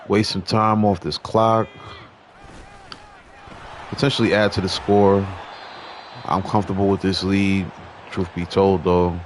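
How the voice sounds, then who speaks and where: A young man giving relaxed, conversational play-by-play commentary over a football video game. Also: deep voice, a little hiss or hum. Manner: relaxed, conversational, mild restarts. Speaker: gaming commentator.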